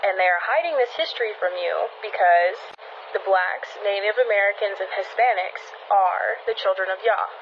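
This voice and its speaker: A woman talking casually and excitedly over pictures, sharing theories in quick, conspiratorial bursts. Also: mid-range voice, lo-fi sound, a little hiss or hum. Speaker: social media creator.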